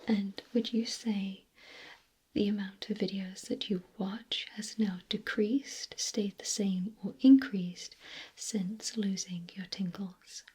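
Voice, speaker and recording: A woman in a whispered role-play as a clinic examiner, speaking gently in a breathy, unvoiced whisper. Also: mid-range voice, fairly even intonation. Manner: slow, gentle, softly questioning. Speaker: ASMR performer playing a clinic examiner.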